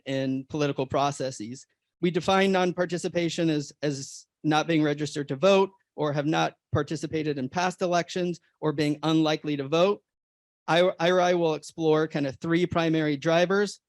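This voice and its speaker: A man on a conference panel, reading a prepared research presentation in a formal, steady way with occasional restarts. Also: fairly high pitch, no echo.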